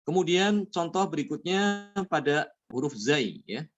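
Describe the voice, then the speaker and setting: A man teaching Quran recitation rules, explaining each rule and then reciting the examples slowly and melodically. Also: on the high side, animated, dull audio, faint music behind. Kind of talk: tajwid lesson.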